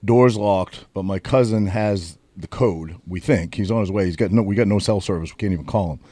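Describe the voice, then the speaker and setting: On a podcast he co-hosts, a man spins a rambling road-trip story full of swearing and filler words in a casual storytelling chat. His voice is low, brisk and warm, recorded with no room sound.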